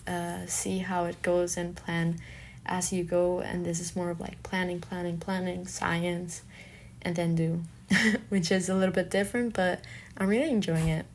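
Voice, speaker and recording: A young woman with a Colombian accent, a native Spanish speaker, speaks in a lowish, gravelly voice with a level tone and moderate pace. She's an artist and fine arts student giving an informal, reflective self-introduction, with slight background noise.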